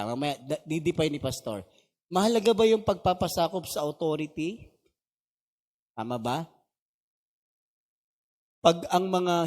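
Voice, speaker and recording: Man, pastor, seminar lecture, quizzes the crowd, fairly high voice, long hall reverb. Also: a little mellow. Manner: conversational, asks the audience questions; mixes English phrases into his talk. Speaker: pastor leading a values seminar. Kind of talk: seminar lecture to a live audience. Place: meeting hall with an audience.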